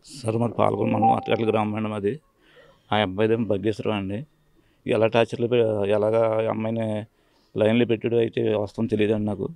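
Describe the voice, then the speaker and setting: A man with a Telugu accent talks quickly, with a gravelly, fry-laden voice. His delivery stays flat and matter-of-fact. His pitch sits somewhat low. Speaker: father of the victim. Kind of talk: news interview.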